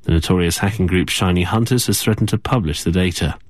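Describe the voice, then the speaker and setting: A man reading a radio news bulletin in a measured, formal way from a studio. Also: deep voice, dry recording. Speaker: newsreader.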